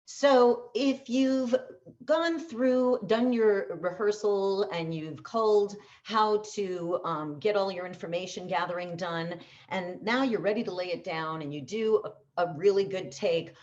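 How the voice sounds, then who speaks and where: Her mid-range, darkish voice moves a little slowly over lo-fi audio as she teaches as a voice-over coach. In a conversational, instructional talk full of tips, she repeats important words and asks rhetorical questions.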